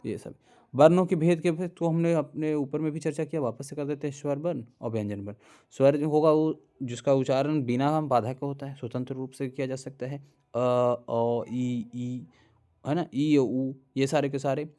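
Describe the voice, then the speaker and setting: Mellow-voiced man teaching a grammar lesson. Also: medium pitch, fairly even intonation, moderate pace. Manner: explains step by step, repeating each letter and saying "ठीक है".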